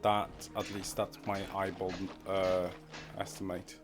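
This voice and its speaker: A man's voice: deep voice, level tone, unhurried. A man casually commenting as he plays a game on a live stream, rambling and muttering to himself and chuckling at his own wordplay. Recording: background music under the voice.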